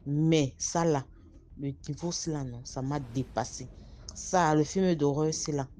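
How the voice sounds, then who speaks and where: A woman recounts her own experience in a casual, lively way, turning to her listeners to make them picture it. Her voice sits low and sounds dark and mellow. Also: measured pace, slight background noise. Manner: talks straight to listeners, vivid and animated. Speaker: storyteller. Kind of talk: casual first-person storytelling.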